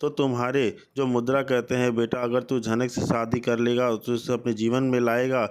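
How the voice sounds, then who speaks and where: A man's voice: mid-range voice, level tone, normal speed, darkish tone, clean tone, close to an everyday voice. A man voicing an older male village priest in a plain read-out with small stumbles. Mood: persuasive.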